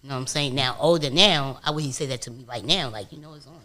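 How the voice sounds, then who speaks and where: A man, a guest on a casual couch interview, telling stories in an animated way with street slang. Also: medium pitch, fast talker.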